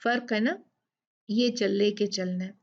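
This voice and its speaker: A woman teaching a tajweed pronunciation lesson, repeating each sound and word slowly for practice. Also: medium pitch, steady tone, dull audio. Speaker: Quran recitation teacher.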